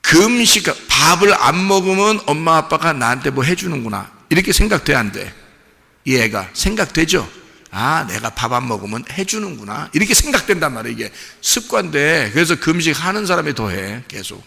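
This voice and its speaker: Gravelly, animated Korean pastor preaching. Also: male voice, fairly high pitch, moderate pace. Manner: lively, folksy preaching with acted-out dialogue, rising to shouts. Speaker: senior pastor. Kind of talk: sermon. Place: church sanctuary. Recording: long hall reverb.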